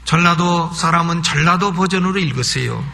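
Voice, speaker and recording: A man's voice: on the high side, moderate pace, vocal fry, sharp tone. A man preaching an expository sermon as a pastor at a church service, emphatic, with rhetorical questions and prompting asides.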